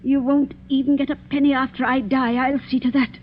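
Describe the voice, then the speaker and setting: Lady playing a bossy old rich aunt, high scolding voice, tinny old radio sound. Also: level tone, brisk, a little hiss or hum, lightly acted. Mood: stern. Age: older. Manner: scolding, imperious. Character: old rich spinster aunt, stern and scornful. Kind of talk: 1940s radio acting.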